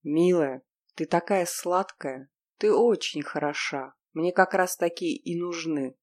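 A woman's voice: on the low side, unhurried, darkish tone. Woman playing a cold, commanding young man. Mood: mocking. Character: cruel, callous young man who keeps captives.

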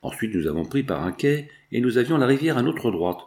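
A man's voice: medium pitch, very animated, fairly quick, a little mellow. A man reading the part of a young boy who talks earnestly and directly.

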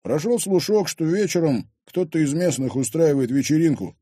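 A man's voice: a little high, animated, moderate pace, mellow, husky, no room sound, studio quality, pitched above the performer's own voice. A man voicing a cheeky, sociable teenage boy who talks in a breezy, joking way.

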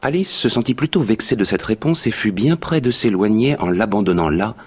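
A man narrating a children's story in a radio drama, with an even storytelling delivery. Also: on the low side, fairly quick, husky.

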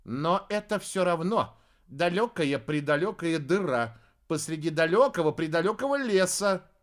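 A snappish young witch from a storybook, put on by a male reader. The voice sits raised and lively, dripping with disdain. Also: a little high, normal speed, voice pushed up. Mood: disdainful. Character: irritable young witch, haughty and sharp-tongued.

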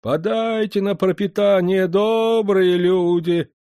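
A man voicing a humble, blind old beggar who pleads in a drawn-out, plaintive way. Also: high-pitched, fairly even intonation, dark tone, dry recording, clean studio sound, pitched above the performer's own voice. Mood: pleading.

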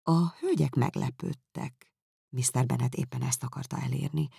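A woman narrating a classic novel as an audiobook, measured and expressive, close to the mic. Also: a bass voice, gravelly, husky, no room sound.

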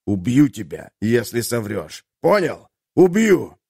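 A man's voice: medium pitch, big pitch swings, takes it slowly, creaky, warm tone, breathy edge, no echo, studio quality, full character voice. A man voicing a furious male merchant who snarls threats at a prisoner.

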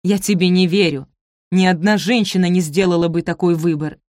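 A woman reading the part of an arrogant, angry young nobleman, loud and domineering. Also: lowish voice, moderate pace, no echo, clean studio sound, natural voice.

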